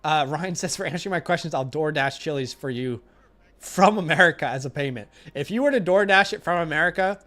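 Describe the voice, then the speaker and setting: A man in his young adult years hosts a casual fantasy football livestream. He rambles, gets animated and a bit exasperated, and is losing his voice. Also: fairly high pitch, a little fast. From Australia. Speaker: fantasy football host answering live chat questions.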